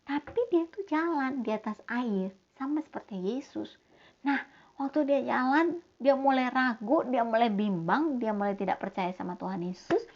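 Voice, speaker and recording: A woman telling a Bible story to children in a lively way, speaking to them directly and acting out the voices. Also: a little high, moderate pace. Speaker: Sunday school teacher. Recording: dull lo-fi sound.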